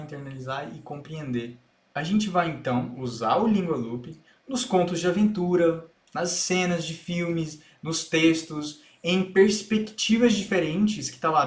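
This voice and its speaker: Brazilian man teaching in an echoey room. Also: a little high. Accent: Brazilian Portuguese. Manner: patient, step-by-step explaining, repeats English lines to demonstrate. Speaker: English teacher. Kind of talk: explanatory online lesson.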